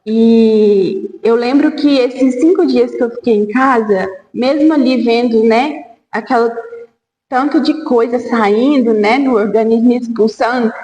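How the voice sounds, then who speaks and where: A woman hosts a podcast, talking through her own experience and offering soft words of support. Her voice sits a little high and is picked up from some way off the mic. The recording has a roomy, hall-like echo. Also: unhurried. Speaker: podcast host. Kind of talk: conversational sharing. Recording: distant voice in an echoey hall.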